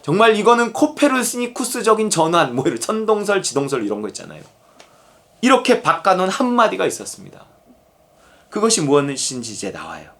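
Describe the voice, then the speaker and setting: High-voiced man giving a lively sermon. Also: a little fast. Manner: conversational, animated, voices the prophet's complaints. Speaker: pastor. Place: church or small studio.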